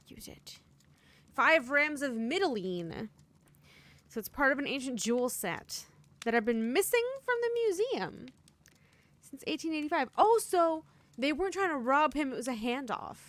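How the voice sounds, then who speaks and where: A woman's voice: high voice, very animated, a bit bright. A woman streaming a detective game, chatting casually and laughing easily with her co-player. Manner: easygoing, quick to laugh. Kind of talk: casual gaming chat.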